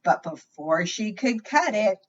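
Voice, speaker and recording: In a sing-song, unhurried manner, a woman with a medium-pitched voice reads a story aloud to preschoolers, adding expression and asking them questions along the way. The sound quality is dull and lo-fi.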